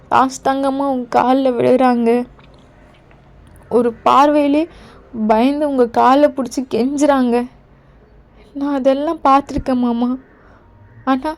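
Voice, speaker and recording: A woman voicing a gentle young queen who pleads softly with her husband in a fan audio drama, over faint music. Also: sits high.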